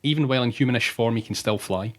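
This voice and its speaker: A man co-hosting a casual podcast, reading out folklore quickly and laughing through it. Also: mid-range voice. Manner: quick, laughs through his own telling. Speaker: podcast co-host.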